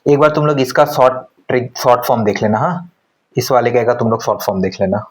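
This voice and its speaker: A man teaching chemistry in a casual lecture style. He talks conversationally and keeps firing quick questions at students, then answers them himself. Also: mid-range voice, low-quality recording. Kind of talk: classroom lecture.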